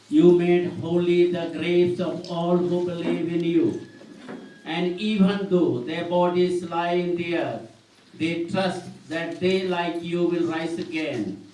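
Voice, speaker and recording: A man leading a funeral burial as priest, reciting solemn graveside prayers in measured, formal phrases. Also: on the high side, warm tone. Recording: distant, very echoey, faint background noise.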